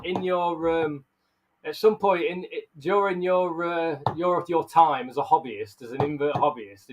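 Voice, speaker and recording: Sick and stuffed up, a man in his thirties talks in a blocked, nasal voice to his livestream viewers from an indoor bug room, rambling casually and laughing often. He is a live streamer and bug keeper. His voice is medium-pitched, and the rough recording has a little hiss or hum.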